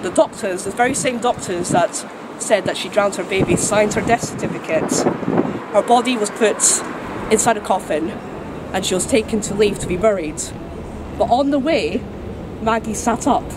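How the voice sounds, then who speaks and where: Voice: medium pitch, moderate pace. A tour guide telling a story informally outdoors, chatty, with wry humour. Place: outdoors on a city street, cars behind. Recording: very noisy outdoor street recording with traffic.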